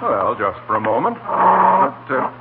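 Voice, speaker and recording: An actor playing a pompous, easily baffled town mayor with formal, precise, exasperated speech in a radio comedy. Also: male voice, medium pitch, very animated, a little slow, gravelly. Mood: stately. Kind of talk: 1940s radio comedy acting. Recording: noisy, tinny 1940s radio recording.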